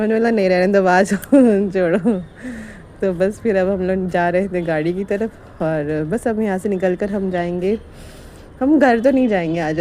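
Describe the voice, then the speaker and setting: A woman's voice: medium pitch, warm tone, a little hiss or hum. A woman, narrating a family vlog in a chatty, rambling way and laughing often. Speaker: vlogger.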